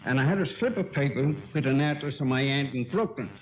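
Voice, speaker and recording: An older man from Denmark with a Danish accent, a guest painter telling unhurried, chuckling anecdotes in a casual talk-show chat. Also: mid-range voice, poor audio.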